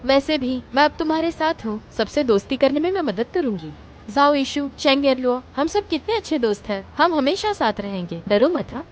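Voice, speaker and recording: A woman's voice: sits high, moderate pace, dull audio, a little hiss or hum. A woman voicing a chatty bold teen girl. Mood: reassuring. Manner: lively, talkative, pleading. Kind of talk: Hindi dubbing of a TV drama. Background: background music.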